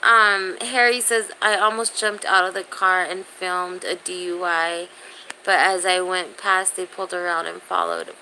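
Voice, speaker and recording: Low-ish and flat, her voice has a sharp tone and an unhurried pace. She's a woman in her thirties hanging out on a livestream, talking right to viewers, reading comments, and swearing in loose, slangy speech. The recording is poor quality with faint background noise.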